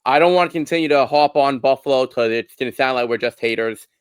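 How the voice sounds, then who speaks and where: A man's voice: mid-range voice, fast, smooth, no room sound. A man from Brooklyn with a Brooklyn accent, co-hosting a casual sports talk podcast and pressing his point with rhetorical questions. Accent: Brooklyn New York. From Brooklyn, New York. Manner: argues through rhetorical questions. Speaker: podcast co-host.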